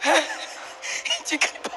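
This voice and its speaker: A woman preacher telling a story in her sermon, pausing for an interpreter, animated and now and then shouting. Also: long reverb tail, very noisy.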